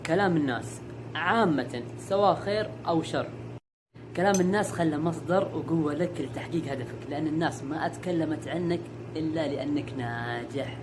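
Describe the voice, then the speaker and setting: A Saudi man vlogging casually, chatty and joking with his viewers as he talks from a car by the coast. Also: on the high side. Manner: chatty, jokey, calls viewers "guys". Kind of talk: casual vlog chat to viewers. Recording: vehicle noise behind.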